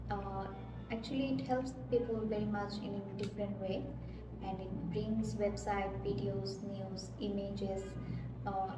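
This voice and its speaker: A young woman from Bangladesh answering questions in a mock speaking exam, hesitant and searching for words with frequent fillers. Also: medium pitch. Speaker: test candidate. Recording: echoey room, far from the mic, loud background noise.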